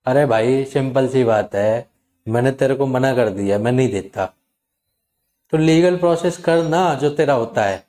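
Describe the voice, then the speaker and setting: A man hosting his channel, talking casually and animatedly to viewers and acting out callers' lines in quick quotes. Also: mid-range voice, mellow. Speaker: channel host advising viewers on loan recovery calls. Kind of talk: casual talk to camera.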